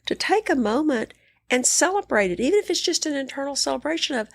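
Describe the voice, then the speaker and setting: A woman's voice: high voice, expressive, fast talker, gravelly, no room sound. A middle-aged woman with a West Texas accent speaking conversationally as an interview guest, earnest, encouraging and emphatic. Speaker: psychiatrist and coach interviewed as guest.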